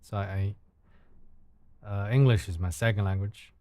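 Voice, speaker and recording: A young Chinese man whose native language is Mandarin hosts a late-night livestream from indoors at home, chatting casually in accented English and often repeating words while he hunts for the right ones. His voice is lowish, fairly even, a little slow and darkish in tone, with no room sound.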